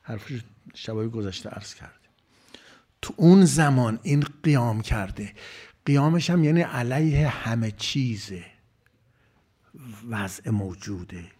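A man preaching a sermon, moving from loud, emphatic phrases to near-whispers. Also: medium pitch, lively intonation, long pauses, breathy edge. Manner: dramatic swings from loud to whispered.

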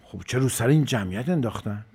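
A man giving a sermon as a story. He speaks unhurriedly, repeats phrases for emphasis, and swings between soft and loud. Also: mid-range voice, lively intonation, breathy edge. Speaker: religious speaker.

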